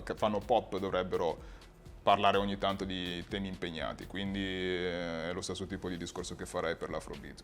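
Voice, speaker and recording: A man, a music producer, talking casually in an interview in a halting, self-correcting way. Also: sits low.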